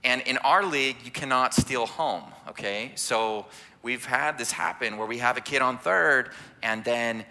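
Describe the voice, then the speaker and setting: A man's voice: mid-range voice, measured pace, pushed and bright. A man leading a church sermon as families ministry director, preaching conversationally and often asking "right?" to draw in listeners. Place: church sanctuary.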